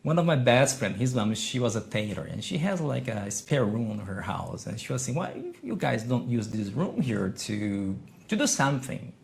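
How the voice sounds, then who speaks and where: A middle-aged man from Brazil, a podcast guest talking about his entrepreneurial past in halting, with frequent restarts. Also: mid-range voice, gravelly. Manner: non-native English, halting restarts, lively emphasis. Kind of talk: conversational interview.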